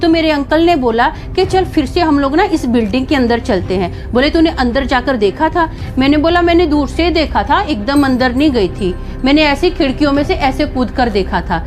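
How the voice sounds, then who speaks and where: A woman's voice: high-pitched, lively intonation, moderate pace, few pauses, soft background music. A young woman casually telling a first-person story, acting out the lines of the people in it. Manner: chatty, acts out quoted dialogue.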